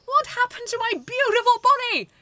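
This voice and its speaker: A woman voicing a brash, hot-headed male robot fighter who shouts in indignation, in a fanfiction read aloud. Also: medium pitch, little pitch movement, moderate pace, lightly acted. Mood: outraged.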